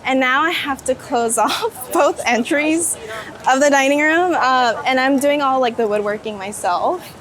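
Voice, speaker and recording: Her voice is high and a bit bright, and she speaks a little slowly. This street photographer chats eagerly and casually during a walking interview outdoors in the city, with plenty of "like" thrown in. Passing vehicles and street ambience can be heard behind her.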